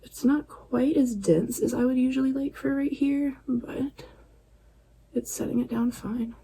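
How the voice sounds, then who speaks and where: Woman, makeup vlogger, relaxed chatty tone, near-whispered asides, gravelly, mellow low tone. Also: unhurried, low-quality recording. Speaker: beauty vlogger. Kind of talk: casual makeup tutorial chat. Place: at home at night.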